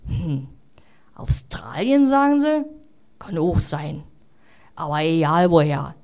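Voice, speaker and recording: A woman voicing a grumbling, prejudiced old neighbor woman in a story she reads aloud, gruff, muttering and suspicious. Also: sits low, very animated, slow, a little mellow, pitched below the performer's own voice, heavily acted.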